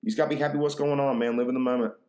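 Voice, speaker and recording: A man's voice: mid-range voice, steady tone, rapid-fire, a little mellow. A man hosting his podcast in a casual, rambling way, slangy and profane, a little tipsy from drinks. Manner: laid-back, slangy and profane, full of "dude" and "bro". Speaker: podcast host.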